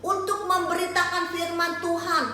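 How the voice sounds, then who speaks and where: A woman doing a hushed, sorrowful prophet. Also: extremely high pitch, level tone, moderate pace, heavy reverb, voice pushed up. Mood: pleading. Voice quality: soft, hushed, tearful. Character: sorrowful repentant man, the prophet Jonah.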